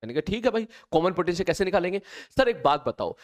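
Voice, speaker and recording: A man's voice: sits high, big pitch swings, quick pace. A man teaching physics, working through capacitor problems step by step and voicing the students' answers himself. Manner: talks to students directly, mimics their replies. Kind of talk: explaining capacitor problems on a board.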